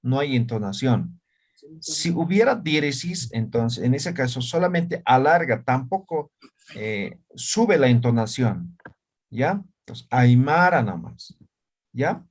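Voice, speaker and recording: A man's voice: medium pitch, big pitch swings, slow pace, husky. A man teaching a language class on a video call, checking often that students follow. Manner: checks understanding with frequent tag questions.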